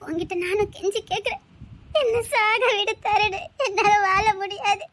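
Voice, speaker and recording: A woman's voice: very high-pitched, brisk, sharp tone. A woman voicing a heartbroken young woman in a drama, speaking with a Tirunelveli Tamil accent in a tearful, pleading way. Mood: hopeless. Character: heartbroken young woman set on ending her life.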